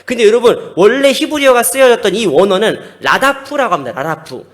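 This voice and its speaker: A man's voice: sits high, fairly bright tone. A male pastor giving a sermon, emphatic, with rhetorical questions to the congregation in a church sanctuary.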